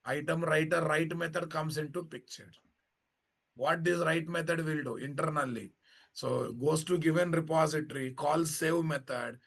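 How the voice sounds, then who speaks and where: A man's voice: fairly high pitch, vocal fry, fairly bright tone. A man with a Telugu Indian accent teaching a live technical class as an instructor, bluntly, repeating phrases and asking rhetorical questions. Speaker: programming instructor.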